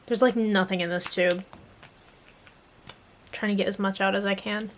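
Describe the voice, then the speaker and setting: A woman's voice: mid-range voice, fairly even intonation, normal speed, a little hiss or hum, low-quality recording. A young adult woman vlogger chatting casually to viewers, musing aloud and trailing off, her speech slightly hampered by a swollen mouth after dental work. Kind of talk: casual rambling chat to viewers.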